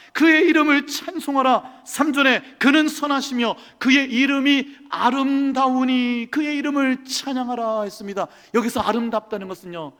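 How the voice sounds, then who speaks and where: A middle-aged man preaching a sermon as senior pastor, swinging between hushed pleading and loud emphatic lines. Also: extremely high pitch. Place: church sanctuary. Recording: church hall with long reverb.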